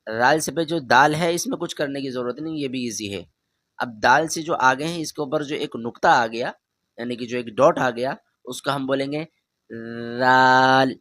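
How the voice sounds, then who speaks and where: A man teaches a beginner's Quran reading lesson in a medium-pitched voice. He explains each letter patiently, stretches and projects the letter sounds, and keeps asking the listener to say them back. The sound is dry and close, with no room echo. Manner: patient, repeats each letter loudly and drawn out; talks straight to the learner, asks them to repeat.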